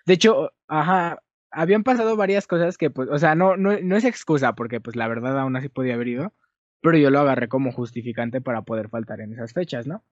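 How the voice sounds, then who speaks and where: In a dull, dry lo-fi recording without room sound, a young man with a Mexican accent talks fast in a mid-range voice. He's spinning a rambling, self-correcting story for his friends in a casual chat.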